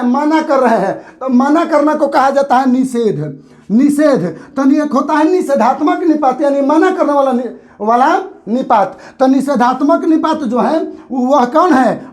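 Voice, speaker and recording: A man teaching a grammar lesson for exam preparation, who asks questions and answers them himself and repeats the key terms. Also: very high-pitched.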